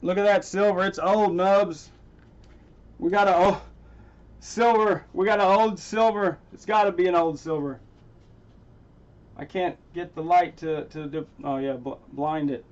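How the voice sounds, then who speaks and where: A man hosting a casual coin-hunting livestream. He talks straight to his chat viewers by name and gets loudly excited over his finds. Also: high voice, measured pace, long pauses, lo-fi sound.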